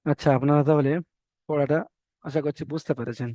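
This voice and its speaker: A man's voice: fairly high pitch, fairly even intonation, fairly quick, dark tone, no echo. A man teaching Quran reading in an online class, patiently repeating rules and correcting his students. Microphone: video call. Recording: dull dry online call audio.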